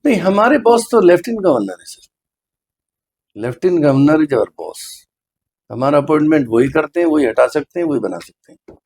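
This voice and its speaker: A man's voice: on the high side, big pitch swings, normal speed, long pauses, darkish tone, husky. A middle-aged man, a hospital medical superintendent, answering interview questions earnestly and deferentially, slipping English phrases into his talk. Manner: mixes English phrases into speech.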